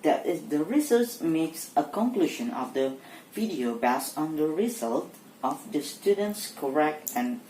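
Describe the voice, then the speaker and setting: A young woman from Indonesia with an Indonesian accent, giving a university exam presentation in a hesitant, halting way with many fillers and restarts. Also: very deep voice, a little mellow. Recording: echoey room with faint background noise.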